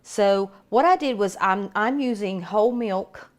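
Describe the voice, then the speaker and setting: A woman's voice: medium pitch, a little slow. A middle-aged woman casually demonstrating a bread machine recipe at home, chatty and rambling with frequent restarts.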